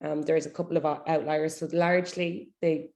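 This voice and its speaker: A woman's voice: sits low, level tone, brisk, vocal fry, darkish tone. A woman with an Irish accent chatting casually as a guest in an interview. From Ireland. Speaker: podcast guest, social media manager.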